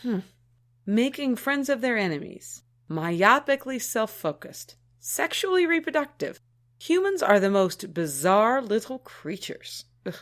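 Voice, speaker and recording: Woman doing a snooty skeptical alien lady, talks slow, voice a bit high. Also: big pitch swings, fairly bright tone. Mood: disdainful. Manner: disdainful, prudish, slow deliberate delivery. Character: prim, skeptical female alien shipmate. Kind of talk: audio drama acting.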